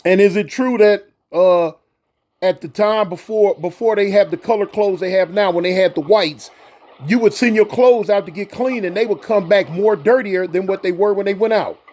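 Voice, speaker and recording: A man's voice: high-pitched, normal speed, a little mellow. A man hosting a casual live interview, emphatic and repeating points for stress. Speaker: interviewer, host.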